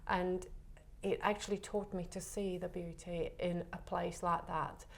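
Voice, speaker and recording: A woman from the Czech Republic, appearing as a photographer guest in a relaxed interview, speaks softly and hesitantly with many pauses. Her voice sits on the low side and has a creaky quality.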